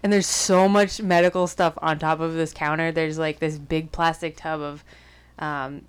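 Young woman, podcast co-host, casual chat, rambling, swears a lot, laughs often, lowish voice. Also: level tone, moderate pace, clean tone. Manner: rambling and profane, with frequent laughter.

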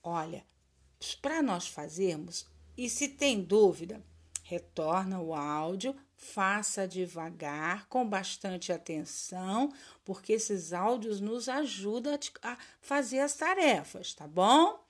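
Slow, patient woman teacher. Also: mid-range voice, expressive. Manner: patient, sing-song drilling with encouraging praise. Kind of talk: recorded audio lesson for children.

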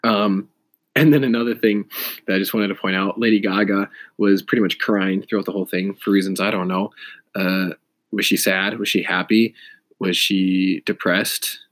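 A man's voice: low-pitched, fairly even intonation, normal speed, a bit bright. A man with a stuffy nose from a cold, talking in a rambling, hesitant casual monologue full of fillers and self-corrections. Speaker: vlogger.

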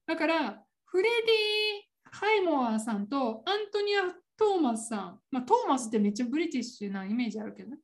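A woman's voice: sits high, very animated, a little fast, few pauses. A woman with a Kansai Japanese accent chatting casually on a podcast, laughing often as she explains. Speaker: podcast co-host. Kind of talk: casual chat.

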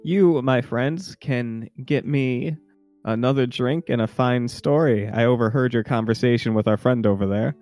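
A man voicing a grandiose, self-assured male adventurer in a tabletop game, speaking slowly and theatrically. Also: mid-range voice, a little mellow, faint music behind, voice pushed up, close to an everyday voice. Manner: theatrical, slow, flourishing. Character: grandiose, confident adventurer company leader, male.

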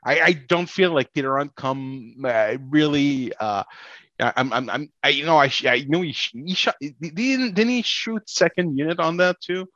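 On a laid-back film podcast, this male co-host speaks in a fairly high, fairly bright voice, stammering and rambling in a halting way as he sorts out his thoughts. The dry recording has dull, lo-fi sound.

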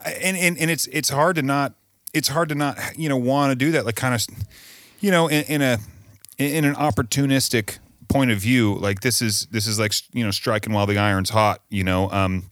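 A man's voice: mid-range voice, moderate pace, a bit bright, no room sound, clean studio sound. A man, a podcast guest, giving opinions in a rambling way with frequent restarts. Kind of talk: casual chat.

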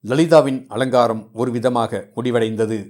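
Steady male novel reader. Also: medium pitch. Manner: steady, measured storytelling. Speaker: narrator. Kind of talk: reading a novel aloud.

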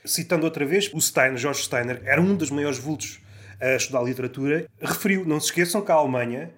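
Portuguese dude, kinda higher voice, thoughtful and measured, quotes writers a lot. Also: male voice, a bit bright. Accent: European Portuguese. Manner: reflective, measured, fond of quotations. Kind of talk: casual podcast chat.

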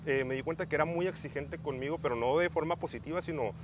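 A man's voice: fairly high pitch, fast. Young male podcast host, casual and rambling, light noise. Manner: thinks aloud with many restarts and fillers.

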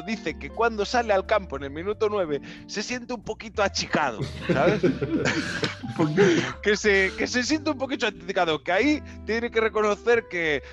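Man, high voice, animated podcast storyteller; dull lo-fi recording with faint music. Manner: animated, slangy, with mouth sound effects. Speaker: podcast host. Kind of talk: casual storytelling.

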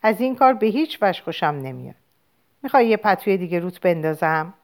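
A woman's voice: lowish voice, sing-song. A woman voicing a tired, stern but caring mother in an audiobook, speaking firmly and asking pointed questions. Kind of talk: audiobook character voice.

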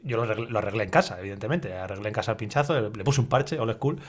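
Fast-talking man telling stories. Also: fairly low pitch. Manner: animated storyteller, swears freely, acts out quotes. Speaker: podcast co-host. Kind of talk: casual chat.

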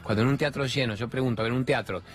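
Animated Argentine man giving a spiritual talk. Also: medium pitch, very fast. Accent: Argentine Spanish. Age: over 50. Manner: animated, colloquial, slips into voices for quoted speech. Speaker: spiritual speaker. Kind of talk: motivational spiritual talk to an audience.

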